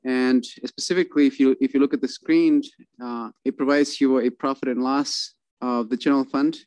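A man presenting a city budget at a council meeting over a video call, halting with many fillers and restarts. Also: mid-range voice, steady tone, a little mellow, dry recording.

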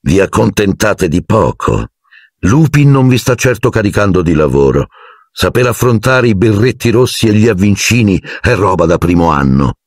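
A man's voice: fairly low pitch, very animated, moderate pace, dry recording, clean studio sound, pitched above the performer's own voice. A man voicing a cold, sneering male teacher who speaks with icy, silky menace in an audiobook. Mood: icy contempt.

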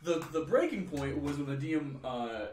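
A man casually telling a tabletop game story, animated and swearing freely as he acts out characters. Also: a little high, moderate pace. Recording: roomy mic from a distance, faint noise.

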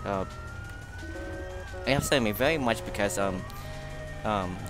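Low-voiced, unhurried man narrating gameplay. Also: music in the background. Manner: low, relaxed, unhurried delivery; halting, often repeats words. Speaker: gaming video host. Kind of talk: recorded gameplay commentary.

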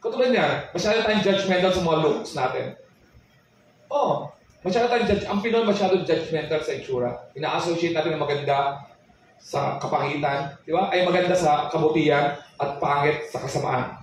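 A man with a rather high voice doing stand-up comedy, acting out conversations as he tells his stories. The sound is heavily echoey and distant, recorded live in a large room with audible background noise. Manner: storytelling with quick acted-out dialogue. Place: comedy venue with live audience. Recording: echoey live venue audio from far off, noisy.

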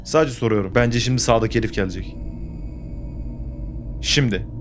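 A man's voice: medium pitch, normal speed, noisy background. A young man playing a horror game, commenting on the action, getting jumpy and swearing back at the game. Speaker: gaming YouTuber.

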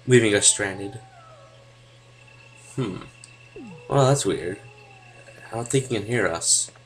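A man's voice: lowish voice, takes it slowly, rough recording. A young man giving casual gameplay commentary, sarcastic and joking, with the odd swear word. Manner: sarcastic, swearing, jokey asides. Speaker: let's play gamer.

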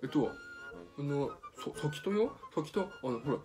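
A man's voice: a little high, expressive, moderate pace, lightly acted. A man with a Tsugaru dialect playing a nervous hunter in a storybook reading, stammering through fillers. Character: nervous male hunter, fumbling excuses. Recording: music playing behind.

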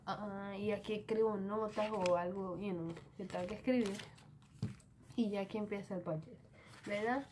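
Young woman, Dominican Spanish accent, chatty vlogger voice mixing in English, phone mic in a quiet bedroom. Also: mid-range voice, steady tone, moderate pace, background noise. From Dominican Republic. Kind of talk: casual planner walkthrough. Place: small bedroom indoors. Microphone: phone camera at arm's length.

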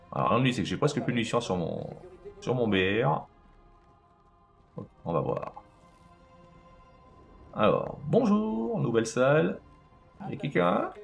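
A man's voice: sits low, very animated, moderate pace, vocal fry, pauses often, soft background music. A man casually commenting on his own video game play, chatting to himself and to the enemies on screen.

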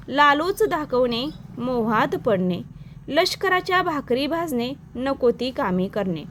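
Slow high-voiced woman teacher reciting. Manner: slow, even recitation of phrase and meaning pairs. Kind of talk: reading a vocabulary list for exam prep.

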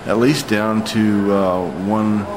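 Low-pitched, even-toned man in his forties. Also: noisy background. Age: 40s. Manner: matter-of-fact, halting delivery. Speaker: storm chaser giving an eyewitness report. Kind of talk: unscripted vlog account. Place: hotel lobby, indoors.

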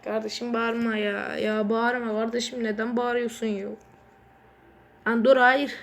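Woman, high voice, mobile game commentator; excitable, swears a lot, yells at the game. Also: measured pace, slight background noise. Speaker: gaming channel host.

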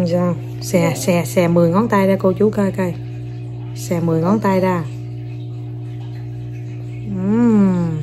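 A woman's voice: medium pitch, darkish tone. A young mother, filming her kids and coaxing them, talking to viewers in a casual, playful way. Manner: coaxing, playful, repeats short commands to children.

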